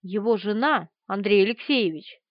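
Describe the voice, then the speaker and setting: A woman's voice: medium pitch, expressive, normal speed, no room sound, close to an everyday voice. A woman voicing a haughty, emphatic young woman in an audiobook. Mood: sorrowful. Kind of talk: audiobook character voice. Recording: slightly dull, dry.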